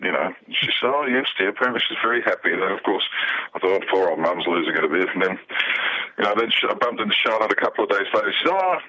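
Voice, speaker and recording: A man from New Zealand, a guest on a radio show, talking with emotion, halting and restarting often. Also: lowish voice, bright, forceful tone, poor audio. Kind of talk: phone interview on radio.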